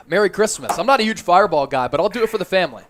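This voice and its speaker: A man's voice: sits high, animated, fast talker, slight background noise. A man co-hosting a live sports fan show, chatting casually and jokily with viewers as he reads out their comments.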